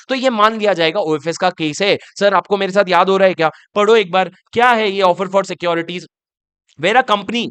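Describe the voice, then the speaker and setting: High-voiced law teacher, brisk. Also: male voice, fairly bright tone, clear, resonant tone, no room sound. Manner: mixes Hindi with English terms, reads the law slowly, asks students questions. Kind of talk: exam revision lecture.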